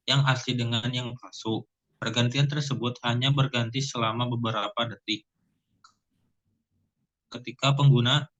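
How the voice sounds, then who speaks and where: A man's voice: mid-range voice, fairly bright tone. Man reading a class presentation, lo-fi. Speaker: student presenter.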